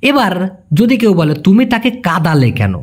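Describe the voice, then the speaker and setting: Husky man teaching phrases. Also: sits high, sing-song, a little mellow. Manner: slows right down to spell out foreign phrases; repeats each sentence and breaks it word by word. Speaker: language teacher. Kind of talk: explaining phrases to viewers.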